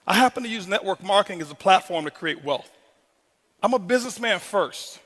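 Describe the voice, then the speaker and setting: A man giving a motivational talk on stage, animated and teasing the audience with call-and-response questions, in a large hall. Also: high-pitched, a little fast. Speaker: motivational speaker.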